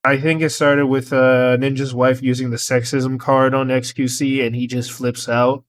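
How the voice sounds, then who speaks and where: A man's voice: medium pitch, little pitch movement, normal speed. A man giving a casual, rambling commentary monologue about online drama, voicing his irritation. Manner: rambling, opinionated. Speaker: commentary YouTuber.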